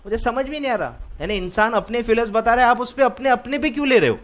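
A man's voice: very high voice, quick pace, fairly bright tone. A man, lecturing CS students and scolding them with rhetorical questions. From Maharashtra, India. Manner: scolding, rhetorical, keeps asking if you follow. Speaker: CS exam mentor.

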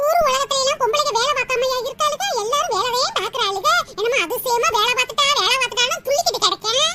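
Brief: a cartoon crone, an old mother-in-law, very high squeaky voice, loud noise underneath. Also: quick pace. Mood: nagging. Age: older. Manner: scolding, nagging. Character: sharp-tongued old mother-in-law, quarrelsome. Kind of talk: cartoon comedy voice acting.

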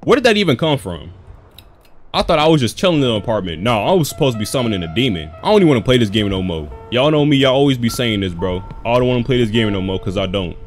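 Scared young male horror game streamer, wildly animated. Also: mid-range voice, quick pace. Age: young adult. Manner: scared, jumpy, exclamatory horror-game reactions; slangy, says "bro" constantly. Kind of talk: casual reactive gameplay commentary. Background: game music and sound.

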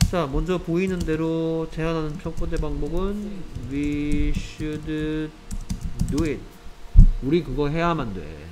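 A man's voice: fairly high pitch, background noise. A man teaching a grammar lesson in a classroom, repeating each phrase in two languages and often checking that the class understands. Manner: keeps checking understanding with quick questions; repeats each phrase in English then Korean. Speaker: English teacher.

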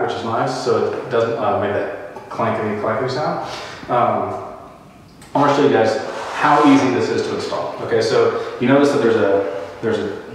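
A man's voice: medium pitch, noisy background. A man casually explaining house building and flooring in a rambling, joking way, recorded in a bare house under construction. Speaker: home builder vlogger. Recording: echoey empty room, mic far off.

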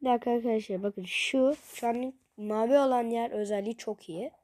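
A woman giving playful, excitable commentary on her gameplay and talking to viewers, her voice a little off from being unwell. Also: a little high, a little fast. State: slightly ill, voice a little changed. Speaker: gaming video creator.

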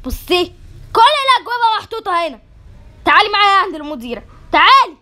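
A woman with an Egyptian Arabic accent voicing a stern female schoolteacher who scolds and gives orders in an animated doll-game story. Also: very high voice, quick pace, exaggerated voice. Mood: scolding. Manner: scolding and commanding. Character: stern adult female schoolteacher, quick to accuse.

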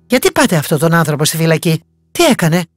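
A woman voicing a kind-hearted young princess in a bedtime story, speaking gently and earnestly, a little higher than her narration. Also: big pitch swings, dry recording, clean studio sound. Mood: earnest, gentle.

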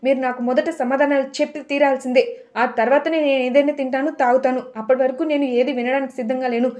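A woman's voice: high-pitched, brisk, dark tone, close to an everyday voice. A woman voicing a stubborn, angry little boy who insists on being answered, in a storybook retelling. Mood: stubborn, defiant. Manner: insistent, defiant.

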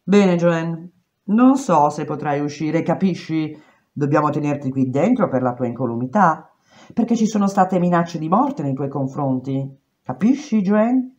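A woman reading aloud voices a wrinkled, condescending older prison matron who speaks slowly and with false sweetness, on a dull lo-fi recording. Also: low voice, animated, darkish tone. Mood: falsely confiding. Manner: slow, falsely sweet, patronizing.

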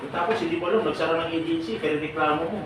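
A man leads a seminar for departing workers, a bit high in pitch, and he quizzes and teases his audience. He is picked up from far off in a very echoey room. Steady noise hums behind him. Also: very fast. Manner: teasing, questions the audience, acts out their replies. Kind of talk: lively seminar talk to a crowd. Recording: echoey room, voice from afar, noisy.

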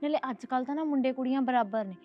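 Woman playing a young punjabi daughter-in-law, polite and calm, high quick voice. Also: muffled recording, soft background music, natural voice. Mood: reasoning. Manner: gentle, reasonable.

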